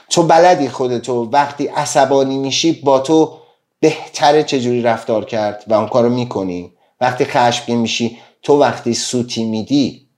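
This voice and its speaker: A man's voice: mid-range voice, darkish tone. A man giving a casual motivational talk on a live stream, speaking earnestly and piling up rhetorical questions to his listeners. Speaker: self-help speaker.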